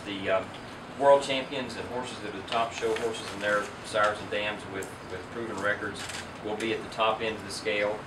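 A middle-aged man, an auction company owner, giving a businesslike statement at an indoor press event, picked up from a distance. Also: lowish voice. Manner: businesslike, steady explaining. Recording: roomy, distant, loud air-conditioning hum.

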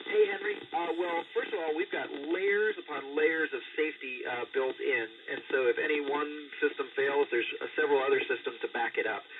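A middle-aged man, an astronaut, answering students' questions over ham radio in an easygoing, plain way, pausing on "uh" and signing off each answer with "Over", heard through a radio transmission with static. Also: medium pitch, phone-quality sound. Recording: distant radio downlink with static hiss.

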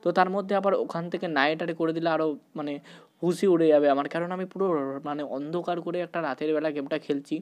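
Excitable man narrating a horror game. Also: on the high side, fast. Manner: excitable, panicky outbursts, mixes English exclamations; sometimes talks softly out of fear. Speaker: gaming YouTuber. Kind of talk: horror game let's-play commentary.

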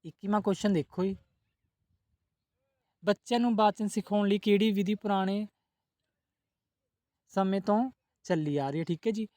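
A man's voice: high-pitched, moderate pace, pauses often, a little mellow, no room sound. A man teaching exam-prep questions, who asks each question and then answers it, adding a polite "ji" again and again.

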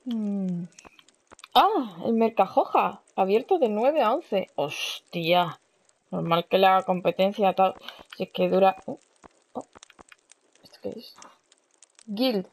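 Playing a game with music behind her, this young gaming channel host from Spain chats away in casual let's-play style, swearing offhandedly and reacting out loud. She speaks slowly and pauses often, in a medium-pitched voice with lively intonation.

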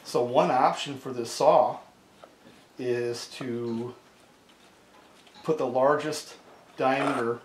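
Slow, with long pauses and a steady, medium-pitched tone, a middle-aged man explains chainsaw repair steps casually at his workbench, often asking "right?" The camera mic on a tripod records him in an echoey, cluttered home workshop with background noise.

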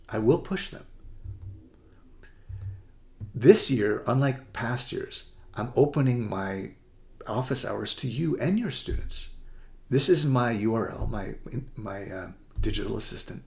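A middle-aged man giving an upbeat, rushed presentation as a college essay coach, often correcting himself mid-sentence. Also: mid-range voice, creaky, a little mellow. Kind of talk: presentation to parents and students.

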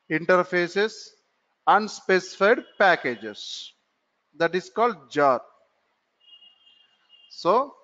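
Slow, repetitive male lecturer. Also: on the high side, fairly bright tone. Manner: slow, repeats phrases and asks himself questions. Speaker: computer course instructor. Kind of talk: classroom lecture. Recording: dull lo-fi recording in a reverberant room.

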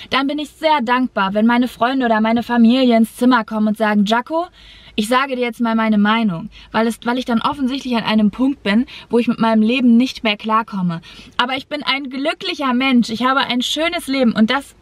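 A young adult woman talking candidly and personally to camera in an emphatic, expressive way. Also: fairly high pitch, dry recording. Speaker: vlogger. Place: inside a parked car. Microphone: camera at dashboard distance.

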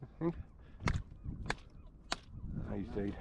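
A man's voice: on the low side, expressive, takes it slowly, creaky, lo-fi sound. A middle-aged man chatting with dry humour while fishing from a small inflatable boat at sea, picked up by an action camera. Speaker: angler. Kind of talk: casual chat while fishing. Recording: wind and sea noise.

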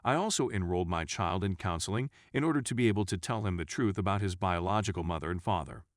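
A man reading out a first-person forum story as scripted narration, at an even reading pace. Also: sits low, quick pace, no echo, clean studio sound.

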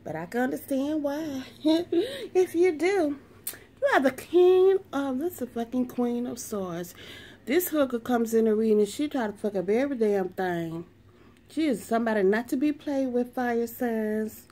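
A woman's voice: on the high side, expressive, moderate pace, mellow. A woman doing a sassy, profane tarot reading in a brash, sarcastic way, swearing constantly. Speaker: tarot reader.

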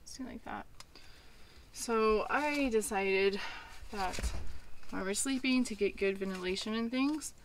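A woman's voice: medium pitch, measured pace, pauses often, slight background noise. Chatty mom touring her small camper. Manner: chatty, with many ums and likes. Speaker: vlogger showing her camper trailer. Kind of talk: casual show-and-tell. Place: inside a small wooden camper trailer. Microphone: handheld phone camera.

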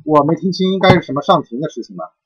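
A man's voice: a little high, sing-song, rapid-fire, husky, no echo. A man speaking over a phone line, hesitant and wary as he deflects questions about himself. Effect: heard over a phone line. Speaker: call recipient. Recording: muffled dull phone line.

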